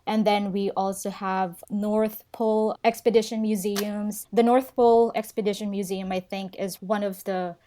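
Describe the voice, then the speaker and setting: A young Filipino woman, a native speaker whose first language is Filipino, chats casually as a guest in an interview, where she serves as a local travel expert. Her voice has medium pitch and a darkish tone, and she is friendly and chatty, laughs often, and mixes in Norwegian words.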